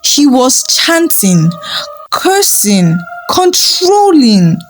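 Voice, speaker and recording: A woman storyteller narrates a dramatic folktale over background music. She goes slowly and expressively, her pitch rising at key moments.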